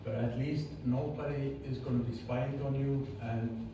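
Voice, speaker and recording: An unhurried, steady medium-pitched voice belongs to a painter from Iceland in his forties, casually showing his materials in the studio while rambling and repeatedly correcting himself. The highs are cut off in the recording, which sounds very echoey with a distant mic and plainly audible background noise.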